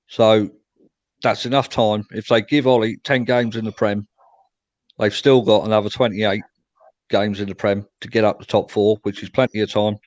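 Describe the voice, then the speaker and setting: Low-voiced fan show host. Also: male voice, little pitch movement, normal speed, dry recording, highs cut off. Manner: reads out viewer comments and answers them. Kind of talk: casual post-match fan chat.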